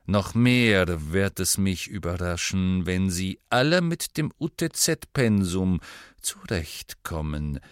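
Storybook villain-teacher, cold and contemptuous, drawn-out delivery, put on by a male reader. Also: low voice, lively intonation, clean tone, no room sound, studio quality. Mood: icy. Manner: slow, deliberate, cutting.

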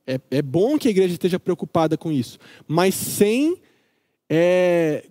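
A man with a Brazilian accent teaching a Bible study in a lively, joking way, acting out the characters. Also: sits high, measured pace, no room sound, clean studio sound.

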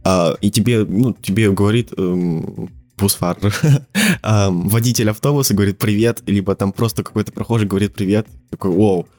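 Speaking at a normal speed in a lowish, slightly mellow voice, a teenage guy from Siberia, Russia, chats on a podcast. He rambles casually, full of filler words and false starts, and frequently breaks into laughter.

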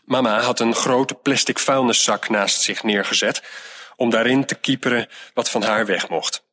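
A man reads a storybook aloud in a calm, even way. His voice is bright and forceful and sits at an ordinary pitch. The delivery is steady throughout. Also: moderate pace. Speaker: narrator. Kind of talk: storybook reading.

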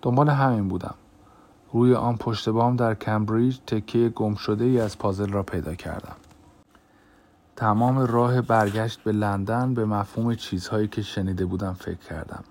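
A man narrating an audiobook in a measured, grave reading voice. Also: fairly low pitch, steady tone, darkish tone.

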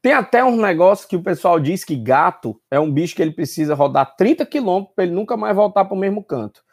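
A woman chatting in a relaxed way, telling anecdotes. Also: lowish voice, quick pace. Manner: relaxed, anecdotal, laughs easily. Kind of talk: casual chat.

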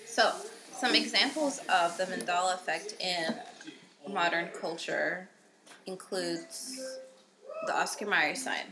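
A woman's voice: on the low side, takes it slowly, crowd noise, poor audio. A woman co-hosting a casual podcast, rambling and giggly, correcting herself as she goes. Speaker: podcast co-host.

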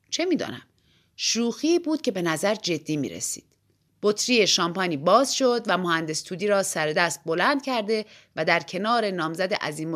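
A woman narrating a short story as an audiobook reader, in a lively, animated first-person telling. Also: lowish voice.

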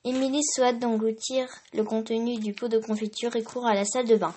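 A woman reading a children's storybook aloud in a steady, expressive way. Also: a little high, fairly quick.

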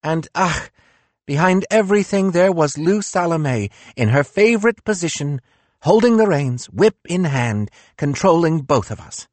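A man's voice: a little high, animated, unhurried, no echo, voice pushed up. A man doing a weary, proud philosopher in pain. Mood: probing. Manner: intense, accusing, weak-voiced. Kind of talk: audiobook character voice.

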